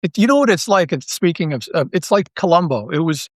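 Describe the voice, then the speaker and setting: A man from Toronto, a writer and creator, talking as a guest in a relaxed interview, thinking aloud with many restarts. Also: fairly high pitch, a little fast, no echo, studio quality. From Toronto, Canada. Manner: thoughtful, many restarts and stammers. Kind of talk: casual interview chat.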